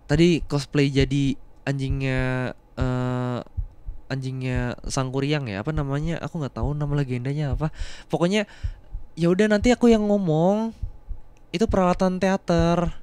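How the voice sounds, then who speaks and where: A young man voicing a younger male student, a rough former bully who has become a protective boyfriend, in an ASMR role-play. He repeats short words again and again to coax and calm. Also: fairly high pitch, lightly acted. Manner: repeats words to soothe, coaxing and reassuring. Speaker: voice actor.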